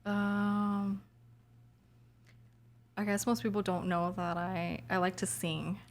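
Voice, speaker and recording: A woman's voice: mid-range voice, flat delivery, takes it slowly. A woman in her thirties from New Mexico, a police officer telling stories casually in an interview, with many fillers. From New Mexico, USA. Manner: chatty, laughing anecdotes with lots of "like". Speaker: police officer, podcast guest.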